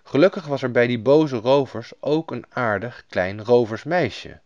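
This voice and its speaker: A man narrating a fairy tale in a lively storybook manner, doing the characters' voices himself. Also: mid-range voice, a little slow, no echo. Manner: lively storybook reading, voicing each character. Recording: dull lo-fi dry recording.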